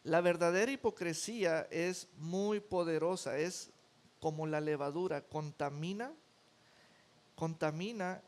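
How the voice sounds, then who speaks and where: A man with a high voice delivers a sermon at an unhurried, deliberate pace. He preaches emphatically, repeating key words to drive them home. He is a pastor addressing his congregation.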